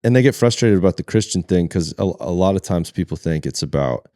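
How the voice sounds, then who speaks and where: A man's voice: deep voice, expressive, brisk, warm tone, no echo, clean studio sound. A man hosting a podcast, talking casually and reflecting aloud. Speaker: podcast host. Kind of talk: casual conversation.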